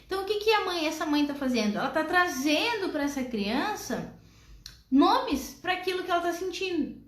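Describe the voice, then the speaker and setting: A woman teaches about emotions in a lively storytelling manner. Her voice sits high. It carries a noticeable room echo. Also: normal speed. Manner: lively storytelling, explaining step by step. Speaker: emotional health educator. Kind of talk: explanatory talk with acted examples. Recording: roomy echo.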